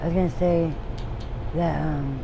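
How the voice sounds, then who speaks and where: Her voice sits low and creaky, unhurried, with fairly even intonation. This forties-aged woman rambles candidly in a street interview, often starting over and trailing off, while traffic makes the outdoor recording noisy.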